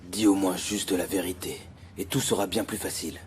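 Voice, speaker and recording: An actor dubbing a loyal childhood friend who firmly urges honesty in a telenovela. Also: male voice, low-pitched, steady tone, normal speed, darkish tone, a little hiss or hum, natural voice. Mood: earnest.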